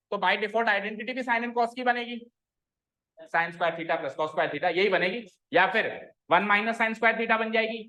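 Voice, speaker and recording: A man's voice: high-pitched, pushed and bright, poor audio. A man teaching a maths class online, explaining steps and often asking students if anything is unclear. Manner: checks often for doubts, informal Hindi-English mix.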